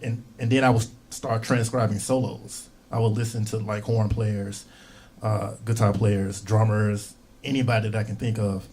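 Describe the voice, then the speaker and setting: A man's voice: on the low side, mellow, a little hiss or hum. A man being interviewed about his life as a musician, telling stories casually with lots of fillers and repeated words. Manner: rambling, repeats himself, lots of "you know" and "um". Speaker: musician guest.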